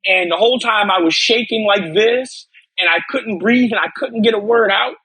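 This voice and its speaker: A man's voice: high-pitched, normal speed, sharp tone, husky, no room sound, poor audio. A man from upstate New York, a podcast guest telling his personal story earnestly, often restarting and repeating words.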